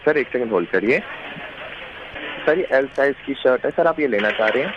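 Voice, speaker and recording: A man's voice: mid-range voice, expressive, normal speed. A man working as a customer service agent, formal and polite, calling everyone sir. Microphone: phone. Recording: noisy, dull phone line.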